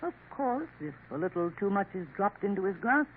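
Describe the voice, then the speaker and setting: A very animated actress speaks a little fast in a natural, medium-pitched voice, playing a worldly, scheming Parisian café woman on 1950s radio. Sly in mood, she coaxes knowingly and scatters French endearments. The broadcast sounds tinny, with faint hiss.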